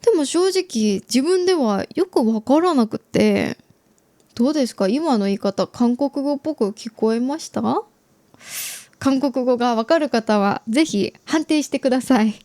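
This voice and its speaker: A young adult Japanese woman hosting an easy-Japanese learning podcast, explaining gently and chatting with listeners. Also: high voice, expressive, a little slow, no echo. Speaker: podcast host teaching Japanese.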